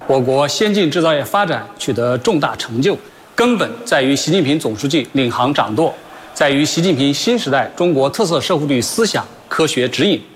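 A man's voice: medium pitch, expressive, a little fast, slight background noise. A man delivering a formal prepared official statement. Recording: long hall-like reverberation.

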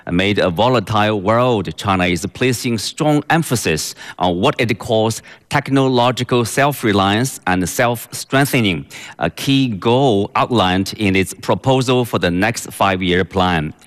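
A man with a fairly low voice hosts a studio discussion show. He speaks in a measured, formal manner, laying out the topic and putting questions to his guests. The tone is that of a polished broadcast moderator. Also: in a large hall. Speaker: host. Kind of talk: studio talk show hosting.

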